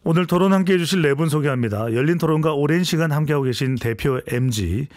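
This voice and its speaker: A man's voice: on the high side, fast talker, a little mellow. A man hosting a broadcast panel discussion as moderator, introducing guests and putting questions to them. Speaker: host, debate moderator.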